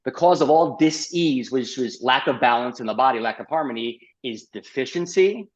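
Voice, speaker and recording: A middle-aged man, a doctor as guest, telling his story in a lively podcast interview, full of fillers and "like". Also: medium pitch, normal speed, highs cut off. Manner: animated, uses many fillers and "like".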